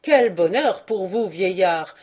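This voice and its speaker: A woman reading aloud and voicing a drunken band of young men, fawning on their lord and mocking the old man with loud exclamations. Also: medium pitch, lively intonation, takes it slowly, slightly rough.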